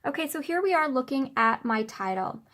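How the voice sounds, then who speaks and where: A woman's voice: sits high, animated, a little fast, fairly bright tone. A woman in her thirties talking in a chatty, informal way as she hosts a how-to video, recorded at home on a camera's built-in mic. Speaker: self-publishing author and video host. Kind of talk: casual how-to tutorial. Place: small furnished room at home. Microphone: camera's built-in microphone, no external mic.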